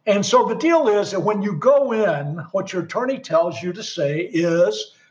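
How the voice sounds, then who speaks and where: A man's voice: sits high, normal speed, muffled recording. A man guest telling a story in a casual conversation, acting out the voices of other people in it. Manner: animated, acts out quoted dialogue.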